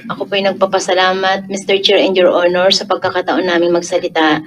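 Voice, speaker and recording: A Filipino woman answering a committee quietly and deferentially. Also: lowish voice, little pitch movement, fairly quick. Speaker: hearing respondent. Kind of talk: formal statement. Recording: hearing room mic with clear background noise.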